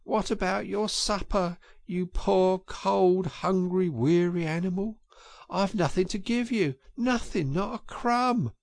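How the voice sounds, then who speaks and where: A man doing a despairing little mole, high woeful voice, drawn out and rough-edged. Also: slow, heavily acted. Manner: moaning, doleful, self-reproaching. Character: timid, despairing male mole, small and homesick. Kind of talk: storybook reading.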